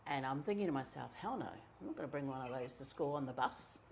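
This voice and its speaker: Speaking fast, a middle-aged community member shares her story casually in a low, gravelly New Zealand accent. She's relaxed and chatty, dropping ums and quoted asides, and a faint hiss lies beneath her voice.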